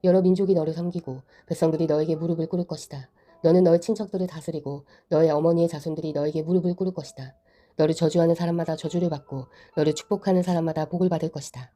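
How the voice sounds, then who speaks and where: A woman's voice: low-pitched, fairly even intonation, fast, mellow. A woman reading the lines of an aged, solemn patriarch father in a Bible reading.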